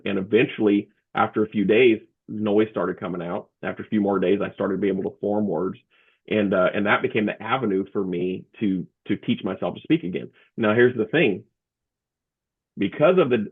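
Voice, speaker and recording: A man talking as an interview guest, a comedian and motivational speaker, telling his story in a halting way with many restarts over a remote call. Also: on the low side, creaky, husky. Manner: halting, with frequent restarts and fillers. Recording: tinny phone-like remote line.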